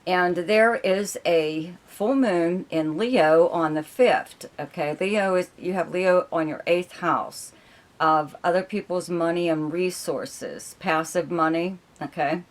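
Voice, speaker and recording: A woman with a low-pitched voice walks through a monthly astrology forecast in a loose, rambling way. She keeps checking in with her listeners with "okay?", and her voice is wearing thin. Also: takes it slowly. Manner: rambling, filler-heavy, keeps adding "okay?". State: losing her voice.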